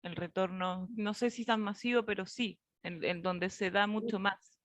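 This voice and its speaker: A woman's voice: medium pitch, fairly even intonation, moderate pace, a bit bright, dry recording. A woman interviewer asks short, attentive follow-up questions. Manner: brief attentive follow-ups. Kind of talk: conversational interview.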